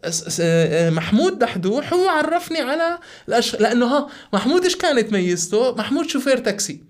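A man with a Syrian Arabic accent telling a personal story in conversation, halting and repeating the starts of his words. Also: extremely high pitch, sing-song. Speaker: podcast guest.

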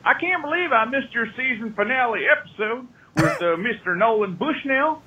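Very high-voiced man leaving a voicemail. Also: animated, moderate pace, muffled recording. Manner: jokey, laughing through his words. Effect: voicemail message played back on the show. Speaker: caller.

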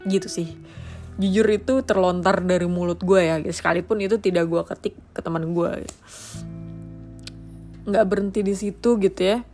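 A woman's voice: mid-range voice, steady tone, moderate pace, pauses often, a little mellow, faint music behind. A young woman, talking in a chatty, slangy, exasperated casual monologue.

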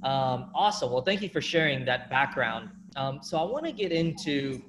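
A man hosting an interview, asking questions in a friendly, halting way with many fillers. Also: mid-range voice, very animated, background noise. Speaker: interview host. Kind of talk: interview conversation.

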